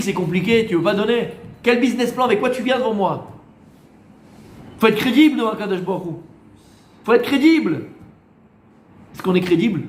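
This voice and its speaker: A man with a high voice leads a lively Torah class, teasing his students and firing questions at them. The room gives his voice a clear echo. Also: a little hiss or hum. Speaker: rabbi. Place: room with a small group of students. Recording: echoey room.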